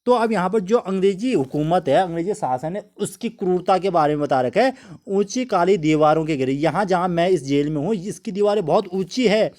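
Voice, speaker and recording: A man teaching a poem, reciting each verse slowly and then explaining it line by line in simple words. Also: high voice, expressive, a little mellow.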